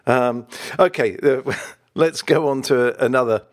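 A man's voice: medium pitch, unhurried. Man hosting casual football chat. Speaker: football podcast host.

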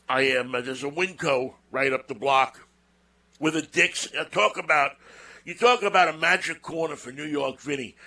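A show host with a slightly high, pushed and bright voice tells a personal story in a casual monologue. It rambles, repeats words and drifts into folksy asides.

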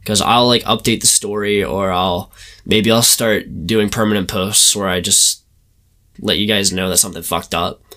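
Guy with a gravelly, kinda hoarse low voice rambling on a podcast, lots of ums. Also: steady tone, normal speed, bright, forceful tone. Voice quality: gravelly, smoker-like voice. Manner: rambling, self-mocking, full of fillers. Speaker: podcast co-host. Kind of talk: casual podcast chat.

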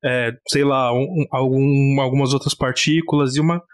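A man's voice: medium pitch, fairly even intonation, moderate pace, smooth. A young man with a Brazilian Portuguese accent, a theoretical physicist co-hosting a casual science podcast, joking, swearing and sounding mock-exasperated.

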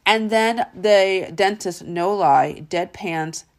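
A woman hosting a motivational podcast, telling stories in an animated way and calling the listener honey and darling. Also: medium pitch, slow pace. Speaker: podcast host.

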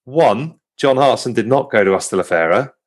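A man's voice: mid-range voice, animated, moderate pace. A man with a Home Counties English accent hosting a casual sports chat, often repeating and correcting himself. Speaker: podcast host.

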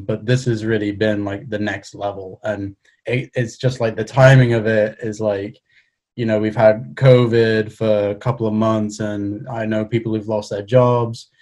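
A young man from Cardiff, Wales, speaks in a fairly low, slightly mellow voice with a Cardiff Welsh accent. He's a cartoonist guesting on a podcast, chatting casually in a hesitant, understated way.

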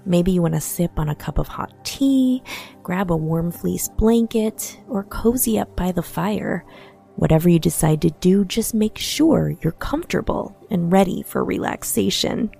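A woman host narrating a scripted true crime bedtime story as a sleep story narrator, in a soft, soothing delivery. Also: fairly low pitch, animated, moderate pace, creaky, breathy edge. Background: soft music.

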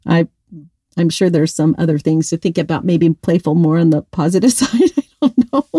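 A woman's voice: lowish voice, moderate pace, warm tone, slightly rough, no room sound, studio quality. A middle-aged woman giving an upbeat motivational talk to women, speaking directly to the listener and laughing often.

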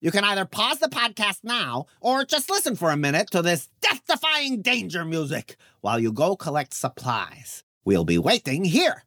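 A woman's voice: lowish voice, huge pitch swings, normal speed, hardly any pauses, fairly bright tone, no room sound, clean studio sound, exaggerated voice. A woman voicing an eager carnival-barker showman who co-hosts a children's story comedy, with showy, sing-song sales patter. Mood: cheerful instructing. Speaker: co-host of a kids' story show.

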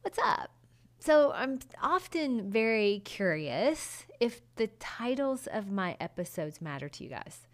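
A woman's voice: medium pitch, sing-song, unhurried, few pauses. Emphatic woman podcaster chatting casually. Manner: conversational, emphatic, direct address to listeners. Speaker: podcast host and design consultant. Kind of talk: casual solo podcast talk.

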